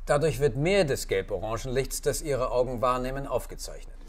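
A man's voice: mid-range voice, fairly quick. A man narrating a scripted camera tutorial, giving formal, polite step-by-step instructions. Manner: formal, addresses listener politely.

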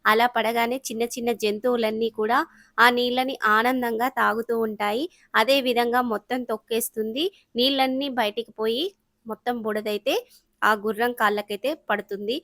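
A woman narrates a children's cartoon moral story in a chatty, colloquial manner, with plenty of filler particles. Her voice sits a little high and is recorded close and dry. The storytelling is unhurried and homely. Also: a bit bright, no room sound.

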